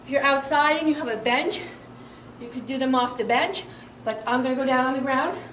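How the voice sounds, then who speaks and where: A woman's voice: high voice, brisk, fairly bright tone, reverberant, distant mic, slight background noise, poor audio. A young woman leading a workout as fitness instructor, upbeat and encouraging, counting reps and a little out of breath.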